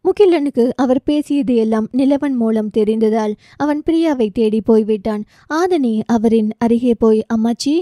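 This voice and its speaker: A woman narrates a romance novel for an audiobook in a steady, even storytelling voice. Her tone is deeply mellow and dark though pitched a little high, and the recording is close and dry with no room sound. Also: a little slow, no room sound.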